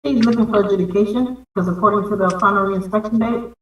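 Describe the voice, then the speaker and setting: A woman's voice: medium pitch, steady tone, quick pace, a little hiss or hum. A woman speaking for the city at a virtual hearing. Her call audio is muffled and degraded, and she talks briefly and procedurally while checking that she can be heard. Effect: muffled, degraded video-call stream audio. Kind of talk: formal testimony at a virtual hearing. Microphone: video call. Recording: roomy, distant video-call audio.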